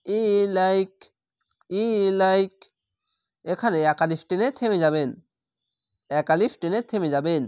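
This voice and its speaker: A man teaching Quran reading, sounding out each word slowly and repeating it before explaining how to pronounce it. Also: fairly high pitch, expressive, no room sound, studio quality. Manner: slow, patient, repeats each word drawn out. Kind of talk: recitation lesson, word-by-word.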